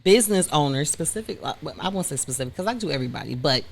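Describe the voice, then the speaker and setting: A woman from Detroit, a content creator, telling her story in a frank, animated interview chat. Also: sits low, fast talker, vocal fry, noisy background. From Detroit, Michigan.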